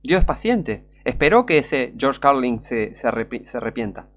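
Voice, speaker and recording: A man's voice: mid-range voice, very animated, moderate pace, fairly bright tone. A man with a Rioplatense Spanish accent preaching a fervent, scornful sermon full of rhetorical questions. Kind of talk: impassioned street-style sermon.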